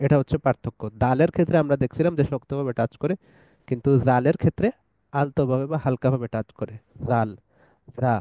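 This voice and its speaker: A man's voice: medium pitch, warm tone, no room sound. A man teaching a pronunciation lesson, saying each letter sound over and over for listeners to repeat, with English phrases mixed in. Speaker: tajweed teacher.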